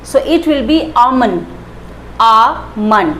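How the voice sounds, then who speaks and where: A woman's voice: a little high, animated, slow, a little hiss or hum. A woman teaching a pronunciation lesson, spelling out letters and repeating each word. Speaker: English teacher.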